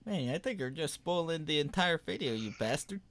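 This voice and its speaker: A man's voice: fairly high pitch, animated, fairly quick, a bit bright. A man co-hosting a podcast, chatting casually with blunt, mocking jokes. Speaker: podcast co-host.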